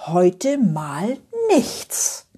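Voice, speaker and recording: A woman voicing a tired, easygoing woman just home from a long journey, musing slowly and drowsily to herself. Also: lowish voice, big pitch swings, warm tone, husky, heavily acted. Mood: drowsy musing.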